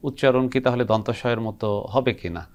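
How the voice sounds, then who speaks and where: A man hosting an educational language program, asking formal, measured questions. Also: mid-range voice, darkish tone. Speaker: TV program host.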